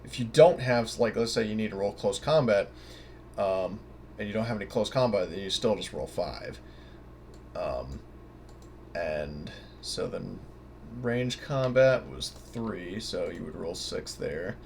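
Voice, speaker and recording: Presenting a tabletop game guide, a man rambles and thinks out loud in a casual, improvised tutorial. His voice is lowish, creaky and a little mellow, with lively intonation and an unhurried delivery, over a noisy recording.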